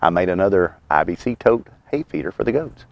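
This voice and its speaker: Deep, gravelly Southern man puffing a pipe. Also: sing-song, no room sound, muffled recording. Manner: folksy, unhurried, wry humor; talks while puffing on a pipe. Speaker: host of a homestead and birdwatching channel. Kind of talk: rambling casual vlog chat. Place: outdoors.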